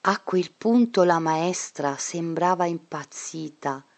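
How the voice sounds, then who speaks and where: Slow, low-voiced woman storyteller. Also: a little mellow. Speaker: narrator. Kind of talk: storytelling reading.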